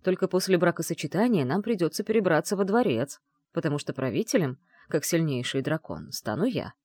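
A woman voicing a calm, loving young male dragon lord who speaks gently and reassuringly. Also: lowish voice, brisk, slightly rough, dry recording, studio quality.

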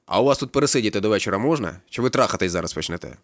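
A man's voice: lowish voice, expressive, very fast, no echo, close to an everyday voice. A man reading an audiobook, voicing a blunt, sardonic young man who talks in curt, mocking remarks.

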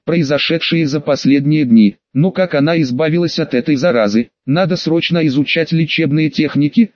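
Guy narrating an audiobook, kinda high voice, steady, dry muffled recording. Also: normal speed, no echo. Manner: plain, steady reading that voices every character himself. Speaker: audiobook reader. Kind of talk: first-person audiobook narration.

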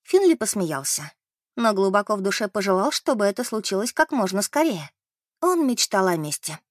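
A woman narrating an audiobook in an expressive, animated way. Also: medium pitch, moderate pace, dry recording, clean studio sound.

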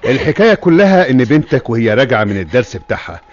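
An actor playing a calm, firm police officer in a classic radio drama, speaking Egyptian Arabic. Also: male voice, mid-range voice, racing, natural voice. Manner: firm, calming. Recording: lo-fi old radio recording.

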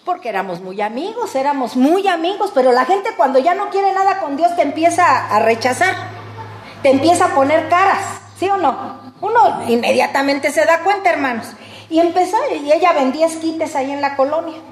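High-voiced older Mexican woman preaching. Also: moderate pace, echoey room. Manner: folksy, addresses the flock as "hermanos", swings from loud to hushed. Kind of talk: conversational sermon. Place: church hall.

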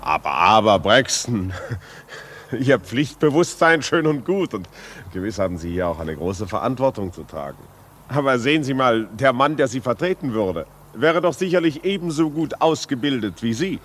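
An actor playing a curious, friendly visiting gentleman in a classic radio play, lively and coaxing, often chuckling. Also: mid-range voice, moderate pace. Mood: genial. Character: curious, genial visiting gentleman, brisk and reassuring. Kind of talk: classic radio drama acting.

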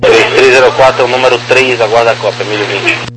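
A man's voice: medium pitch, fairly even intonation, quick pace. A man with a mid-range voice gives ground control instructions in terse phraseology. The radio transmission is thick with noise and hum. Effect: aviation radio transmission. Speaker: ground air traffic controller. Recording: very noisy, humming radio.

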